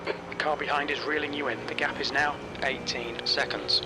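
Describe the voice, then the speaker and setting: A man voicing a calm male race engineer in a racing game, giving terse, clipped pit radio calls. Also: medium pitch, moderate pace, gravelly, very noisy, lightly acted. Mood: matter-of-fact.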